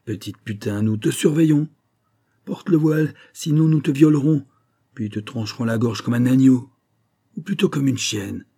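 A man voicing a menacing young thug who speaks with loud, threatening force. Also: lowish voice, flat delivery, fairly quick, few pauses, husky.

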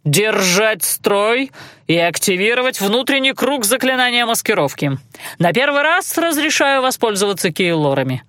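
A woman's voice: a little high, sing-song, moderate pace, fairly bright tone, no room sound. A woman reading an audiobook voices a stern male magic instructor who barks commands and makes sarcastic remarks. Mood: stern commanding.

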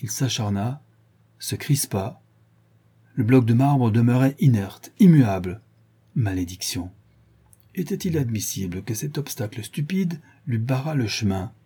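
A man narrating a classic adventure novel in a measured, dramatic way. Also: mid-range voice, lively intonation, dark tone, husky. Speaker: audiobook narrator. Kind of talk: scripted narration.

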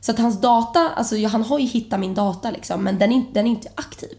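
A young woman telling a chaotic travel story in a casual chat, her voice jumping high as she acts out the panic. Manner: animated, jumps to high excited pitch when retelling panic. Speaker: podcast host.

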